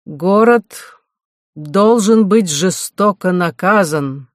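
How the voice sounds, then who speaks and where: A reader voicing a stern, scheming older medieval bishop who talks slowly and quietly in an audiobook. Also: medium pitch, dry recording, studio quality, close to an everyday voice. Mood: stern, cold. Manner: slow, measured, quiet.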